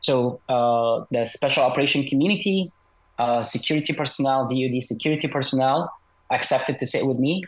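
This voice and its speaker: A man speaks as an interview guest in a slightly altered voice, processed to disguise him. His pitch sits in the middle, and he explains things in a measured, halting, conversational way. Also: rough recording. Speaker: interview guest, author and former military unit member.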